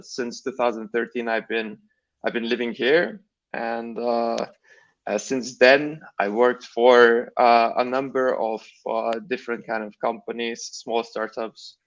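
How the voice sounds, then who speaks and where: Slow, hesitant man from Lithuania. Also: medium pitch, vocal fry, highs cut off. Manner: hesitant, many fillers. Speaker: guest. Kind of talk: live online interview.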